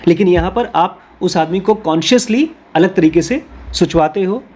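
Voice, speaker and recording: A man with a somewhat high, husky, darkish voice gives an explanatory talk in Hindi mixed with English phrases, like a patient course teacher. He reads English sentences slowly, then breaks them down in Hindi using everyday examples and small role-plays.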